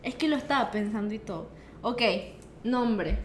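A woman's voice: a little high, lively intonation, normal speed. A young woman with a Venezuelan Spanish accent, co-hosting a casual chat over a word game, laughing and teasing a lot. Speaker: co-host. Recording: echoey room, faint noise.

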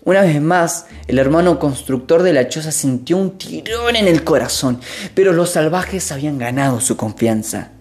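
A narrator reading a story aloud in an expressive, measured way. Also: mid-range voice, soft background music.

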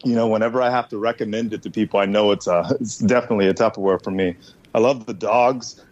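A man chatting casually as a podcast panelist, excitable and swearing freely. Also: lowish voice, quick pace. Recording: slightly dull audio.

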